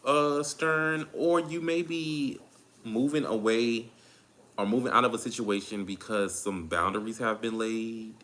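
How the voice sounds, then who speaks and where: A man's voice: mid-range voice, fairly bright tone. A man with a Southern US accent giving a casual tarot reading, laid-back and a little tired, often repeating his phrases. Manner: laid-back, drawn-out, repeats phrases while calling on spirit. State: tired, drained. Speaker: tarot reader.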